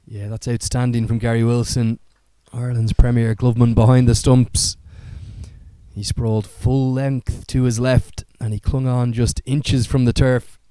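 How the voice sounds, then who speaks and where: A male cricket commentator calls live play in an articulate, fluent broadcast style. His voice is smooth and fairly dark, with an even pitch that stays controlled. He speaks like a practised play-by-play caller. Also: a little slow, dry recording.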